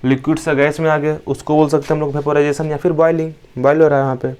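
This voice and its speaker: A man's voice: fairly high pitch, level tone, fast, darkish tone, smooth. A young man from India teaching a science lesson. He asks the class questions, answers them himself and repeats each key term. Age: young adult. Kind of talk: classroom lecture.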